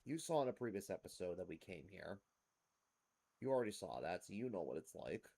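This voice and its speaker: A man hosts a gameplay series, explaining things to viewers in casual commentary. His low, warm voice has a sing-song lilt and a fairly quick pace, and he has a rough, smoker's-type cough.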